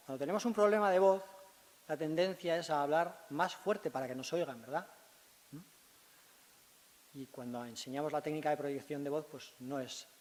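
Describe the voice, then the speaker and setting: A man, a speech therapist giving a conference talk in a large hall. He teaches step by step and keeps checking in with short tag questions. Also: on the high side. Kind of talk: conference presentation. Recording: long reverb of a large hall.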